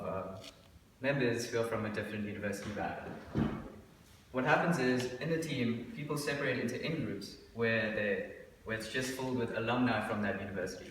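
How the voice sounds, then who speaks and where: A young student presents to his class in a dim lecture room, his medium-pitched voice full of hesitant fillers and restarts. A far-off room mic catches him with echo and slight background noise.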